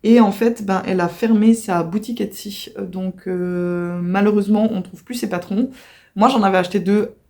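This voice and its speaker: A chatty woman talks through a casual home video, stopping often to apologize and correct herself. Her voice is mellow and warm, sitting at a middle pitch. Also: steady tone, normal speed. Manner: chatty and apologetic, with many fillers and self-corrections. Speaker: crochet vlogger. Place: at home by a computer.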